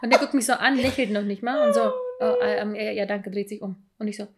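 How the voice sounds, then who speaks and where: A woman's voice: medium pitch, sing-song, fast. A woman co-hosting a podcast, telling a story in casual chat and acting out quotes with English phrases mixed in. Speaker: podcast co-host.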